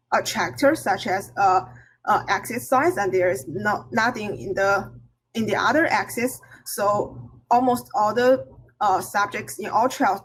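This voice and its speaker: Presenting research at an academic conference, a woman speaks in a medium-pitched voice with a slightly rough, husky edge. Her delivery is halting, with frequent hesitations, restarts and self-corrections as she explains. The recording quality is low.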